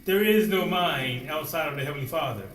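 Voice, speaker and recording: A man preaching a sermon, asking rhetorical questions and dropping suddenly to a quiet voice. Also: on the high side, a little fast, distant mic, slight background noise. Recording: roomy echo, voice away from the mic, faint ambience.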